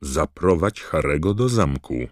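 A man reading aloud, voicing a stern old male wizard headmaster who gives firm, measured commands. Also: extremely low pitch, no echo, studio quality.

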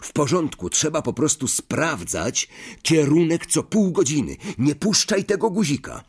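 An eager teenage boy wizard at the wheel of a flying car, calling out in excited, urgent bursts, as a man puts him on for an audiobook. The voice sits higher than the reader's usual tone and sounds slightly husky. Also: measured pace, heavily acted. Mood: upbeat. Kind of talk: audiobook reading.

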